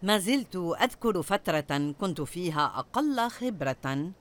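A woman's voice: lowish voice, lively intonation, a little slow. An older woman preaching a sermon, putting rhetorical questions to her listeners. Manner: asks the audience rhetorical questions.

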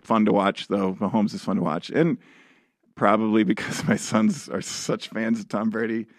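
A man's voice: fairly low pitch, steady tone, moderate pace, no echo. Male podcast host, chatty casual delivery, dry close sound. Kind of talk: casual chat.

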